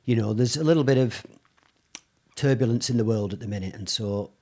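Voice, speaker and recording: A man hosting a relaxed conversation. He speaks in a calm, measured and reflective way, drifting into spiritual phrasing as he makes his points. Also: medium pitch. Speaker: podcast host.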